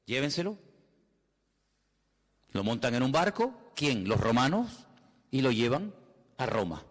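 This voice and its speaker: A man's voice: medium pitch, very animated, moderate pace. Man preaching in a reverberant hall. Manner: dramatic preaching with acted-out quotes. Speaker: pastor. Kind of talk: sermon.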